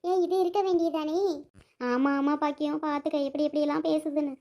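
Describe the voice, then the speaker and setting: Woman doing an older mom in a cartoon, slow quiet muttering asides, kinda high still. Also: fairly even intonation. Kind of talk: cartoon voice acting.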